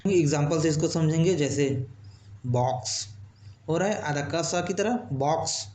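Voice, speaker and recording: A male English teacher, patiently explaining letter sounds and repeating example words slowly. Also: on the high side, darkish tone, reverberant. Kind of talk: alphabet pronunciation lesson.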